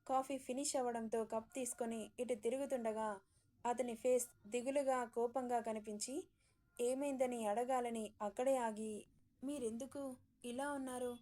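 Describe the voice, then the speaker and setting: A woman storyteller giving steady narration of a serialized story. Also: on the high side, normal speed.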